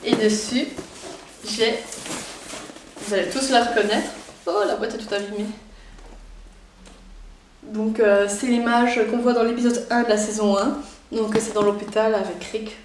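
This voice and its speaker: A woman's voice: mid-range voice, measured pace, long pauses, background noise. Young Belgian woman vlogger, Belgian French accent, eager and rambling, distant mic, roomy echo. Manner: chatty and excitable, many fillers. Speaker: YouTuber. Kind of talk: casual unboxing vlog. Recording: echoey room, voice somewhat off-mic.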